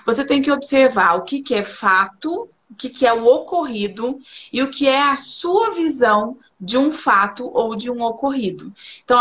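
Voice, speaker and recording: A woman's voice: on the high side, fairly bright tone. A woman co-hosting a casual teaching talk, laying out her points step by step with everyday examples. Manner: lays out points in orderly steps with everyday examples. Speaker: co-host explaining nonviolent communication.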